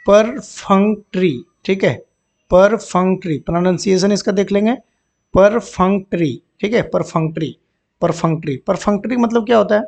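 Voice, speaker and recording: In a high, husky, gravelly voice that is a little mellow, a man goes through English vocabulary for bank exams. He explains each word in Hindi, repeats terms, often checks in with "ठीक है ना", and reads example sentences slowly and carefully.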